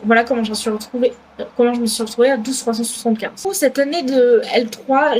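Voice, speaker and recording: Her voice is a little high, with a faint hiss or hum in the recording. This young French woman in her twenties vlogs casually as a student, her southwest accent clear and her chatter full of fillers and corrections of herself.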